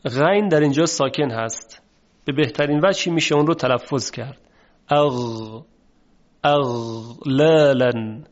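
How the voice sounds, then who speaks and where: A man with a Persian accent teaching Quranic pronunciation, explaining patiently and slowly drawing out the example words. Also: a little high, animated. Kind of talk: phonetics lesson with drawn-out example words. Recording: dull lo-fi recording.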